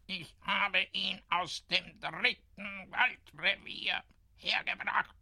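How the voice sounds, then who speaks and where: A man voicing a fretful, scatterbrained male jay bird who carries the post, in a gravelly, excitable voice. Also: sits high, slow pace, voice pushed up, heavily acted. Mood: eager. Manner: sighing, excitable.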